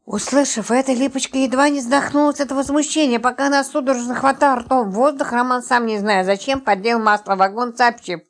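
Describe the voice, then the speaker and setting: A woman's voice: high-pitched, fairly even intonation, a little fast, hardly any pauses. Woman narrating an audiobook. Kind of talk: scripted narration.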